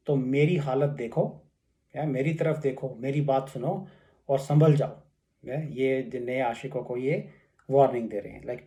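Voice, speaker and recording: A man explaining classical couplets line by line in a casual teaching talk, reciting each verse and then unpacking its words with plenty of pauses and restarts. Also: medium pitch, dark tone. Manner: reflective, many fillers and restarts. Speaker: poetry explainer. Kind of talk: explaining Urdu couplets in Hindi with English.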